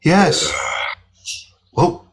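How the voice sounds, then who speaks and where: A man playing an excitable, greedy Old West gold seeker, theatrical and stammering, in an improvised Western comedy. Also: very slow, soft background music. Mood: awed, pleading.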